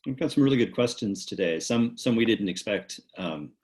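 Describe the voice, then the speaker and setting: A man moderating a live online Q&A, reading out audience questions with relaxed fillers. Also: fairly low pitch, normal speed. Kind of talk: hosting a live Q&A. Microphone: video call.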